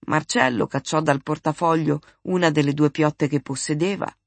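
Calm audiobook reader telling a novel, mid pitch, very dry close sound. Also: moderate pace, gravelly, dry recording. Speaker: audiobook narrator. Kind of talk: literary narration.

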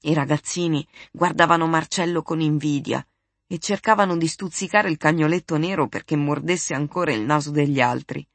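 Calm audiobook reader telling a novel, mid pitch, very dry close sound. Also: moderate pace, creaky, dry recording. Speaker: audiobook narrator. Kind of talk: literary narration.

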